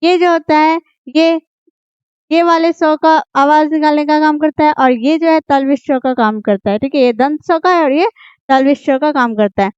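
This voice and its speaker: A high-voiced woman teaches an Urdu script lesson, patiently repeating herself and checking in with her students. The recording is dry and a little dull, with a lo-fi sound. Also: moderate pace, no room sound.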